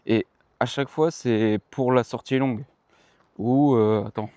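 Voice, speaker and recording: A man's voice: medium pitch, steady tone, a little slow, dark tone, dry recording. A tired young man chatting casually to his viewers about his running training, rambling and correcting himself in slangy speech, outdoors. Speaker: running vlogger. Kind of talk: casual vlog chat to the viewer.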